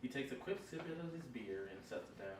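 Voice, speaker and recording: A man's voice: mid-range voice, lively intonation, fast. A man narrating stage directions at a script table read, recorded in a noisy room from away from the mic. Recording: roomy, far from mic, noisy.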